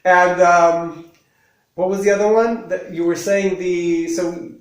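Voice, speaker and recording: High-pitched man, echoey room. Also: little pitch movement, slow pace. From United States. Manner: curious, asks follow-up questions. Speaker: host English teacher. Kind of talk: casual conversation.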